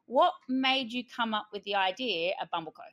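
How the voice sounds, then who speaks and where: Bright-voiced bubbly woman host. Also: a little high, moderate pace. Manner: bubbly, laughs often, jokey. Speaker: podcast host, dental hygienist. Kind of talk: casual interview.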